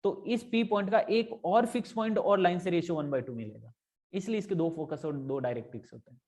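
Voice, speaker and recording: A man's voice: high voice, a little fast, a little mellow. A male math tutor explaining step by step in a casual tutoring lesson, often checking whether his students follow and mixing in English math terms.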